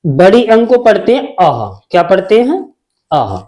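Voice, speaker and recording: On a lo-fi recording, a man with a high, mellow, very animated voice speaks at normal speed. He's giving a slow Hindi spelling lesson, drawing out and repeating syllables and answering his own questions.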